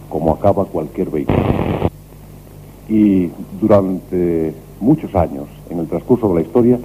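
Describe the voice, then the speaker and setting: A man hosting a late-night radio program, talking calmly and reflectively with a guest, on an old radio recording. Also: on the low side, narrow, tinny audio, slight background noise. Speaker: radio host.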